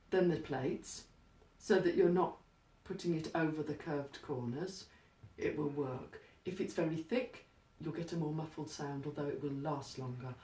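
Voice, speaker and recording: A woman's voice: deep voice, warm tone. A woman giving step-by-step craft instructions in a plain, practical, instructive manner. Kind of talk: step-by-step how-to demonstration. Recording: roomy, echoey, distant microphone.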